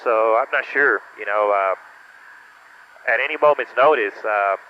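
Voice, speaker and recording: A man's voice: lowish voice, a little slow, lo-fi sound, slight background noise. Give me a man, a pilot and vlog host, talking casually through his cockpit headset with many "uh" fillers while he flies a small plane. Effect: pilot cockpit headset intercom. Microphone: aviation headset boom mic.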